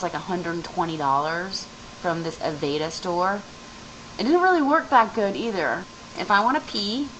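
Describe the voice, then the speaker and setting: At home among moving boxes, a young woman vlogs to her camera, rambling loosely and chattily about packing and personal matters. Her voice is on the low side, and there's background noise.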